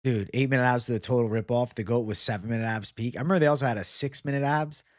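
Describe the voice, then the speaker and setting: A fast-talking man in his twenties with a mid-range voice hosts a livestream, casually reading and answering viewer comments in slangy, sweary bro-talk. The recording is dry and studio quality.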